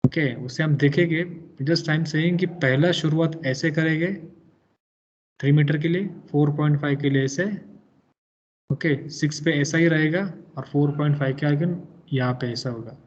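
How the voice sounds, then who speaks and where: A male engineering lecturer walks students through software commands, switching between Hindi and English and pressing the class for answers. His voice sits a little high. The recording is dull and lo-fi. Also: fairly even intonation, moderate pace, a little hiss or hum. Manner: patient, mixes English into Hindi, quizzes students.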